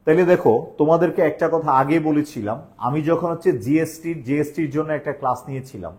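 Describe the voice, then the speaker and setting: A man's voice: on the high side, fast talker, darkish tone. A young man with a Bangladeshi Bengali accent teaching an online grammar lesson for admission coaching, asking his students questions and answering them himself.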